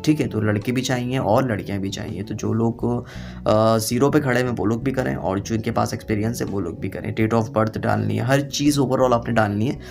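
A man's voice: on the low side, fairly quick, creaky, darkish tone, faint music behind. A man giving a voice-over walkthrough, urging and reassuring viewers and repeating steps. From Pakistan. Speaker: job-info YouTuber. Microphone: voice-over, not recorded on site.

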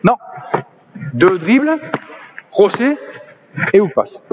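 High-voiced basketball coach giving drills. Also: male voice, very animated. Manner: directive, coaxing players with quick commands. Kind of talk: coaching demonstration on court. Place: indoor basketball gym. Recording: slightly dull lo-fi sound with faint noise.

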